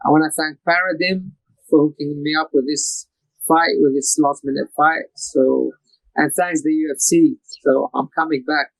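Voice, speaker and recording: A young man from Iraq answers questions in a relaxed, easygoing way, dropping "you know" into most of his sentences. His voice sits a little high for a man. It is recorded close and dry, with no room sound. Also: moderate pace, creaky, no room sound, low-quality recording. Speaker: MMA fighter. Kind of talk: post-fight interview over a call.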